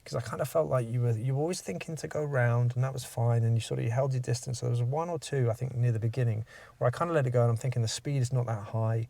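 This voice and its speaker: A man's voice: medium pitch, steady tone, fast, vocal fry, few pauses, dark tone, no echo. A man, a driving instructor giving feedback after a mock test, explaining step by step and asking leading questions.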